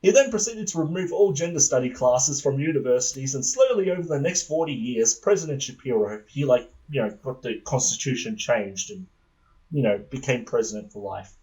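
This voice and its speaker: A podcast host telling an absurd comic story in a deadpan, rambling way. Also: male voice, mid-range voice, fairly quick, low-quality recording. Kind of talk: comedic storytelling.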